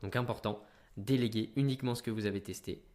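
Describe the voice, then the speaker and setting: A teenage man giving business advice straight to camera in an energetic, punchy way. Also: lowish voice, fast talker. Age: teens.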